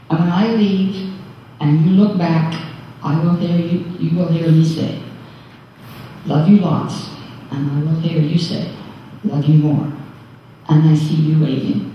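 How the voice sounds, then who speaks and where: An older woman speaking a tender, measured farewell to her late mother at a memorial. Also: lowish voice, slight background noise. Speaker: daughter giving a tribute. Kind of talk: memorial tribute. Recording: echoey hall from far off, dull sound.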